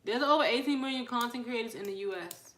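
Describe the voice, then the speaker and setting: A woman hosts a casual livestream, chatting with viewers, reading their comments, asking them questions and shouting out newcomers. Her voice is on the high side, expressive and fast, in an echoey room with slight background noise.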